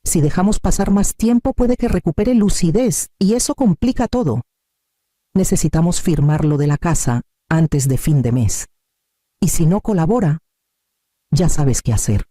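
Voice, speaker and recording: A scheming woman plots in a measured, controlled way, as a man reads her lines. The voice is deep-toned and mellow, with lively rises and falls in pitch. It sounds dry and close. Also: no room sound. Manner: controlled, calculating. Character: scheming cold woman, daughter-in-law.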